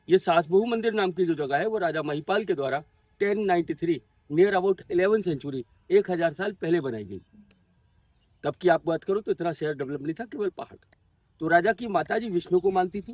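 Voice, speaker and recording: Man tour guide, husky, fairly high voice, patient storyteller, outdoors at a monument. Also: no room sound, highs cut off. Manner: patient storytelling, drops in English words and numbers. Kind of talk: guided history talk to a tour group. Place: outdoors at a historic monument site.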